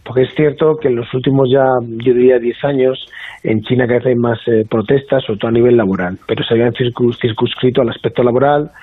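A male professor of international relations, heard over a telephone line as a guest on a radio talk show, explaining in a measured way and often ending sentences with a questioning "right?". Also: mid-range voice, fairly even intonation, husky, dry recording. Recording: tinny phone line.

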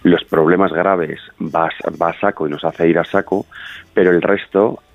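Man on a tinny phone line, very low voice. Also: steady tone, moderate pace, soft background music. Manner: talkative, rambling with many fillers. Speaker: actor guest. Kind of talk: radio interview chat.

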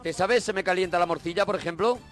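Teasing Spanish radio host, high voice. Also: male voice, quick pace, faint music behind. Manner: teasing, pushy, breaks into song. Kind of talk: comedy radio banter.

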